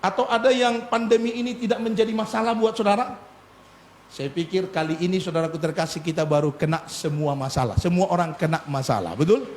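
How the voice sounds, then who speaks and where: A middle-aged man preaching a sermon as a pastor, animated and humorous, with frequent asides to the congregation. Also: high-pitched, a little fast, a little hiss or hum. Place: church.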